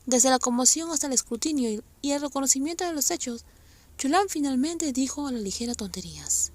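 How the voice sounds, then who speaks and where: A woman narrating a romance novel aloud, speaking softly and often half-whispering. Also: high-pitched, a little fast, no room sound.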